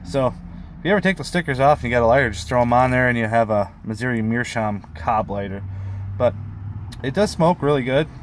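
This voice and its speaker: A man talks casually in a rambling hobby vlog, drifting from one half-finished sentence to the next. His voice sits at an average male pitch. A faint vehicle-like noise runs behind him. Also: brisk. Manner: informal, meandering, trailing sentences. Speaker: pipe hobbyist vlogger.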